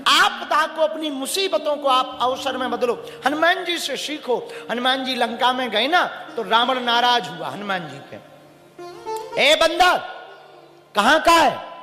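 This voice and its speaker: High, bright-voiced preacher in an echoey hall. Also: male voice, measured pace. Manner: animated, dramatizes dialogue, calls on the audience to repeat. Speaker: religious preacher. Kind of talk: devotional sermon with storytelling. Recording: echoey hall with faint music.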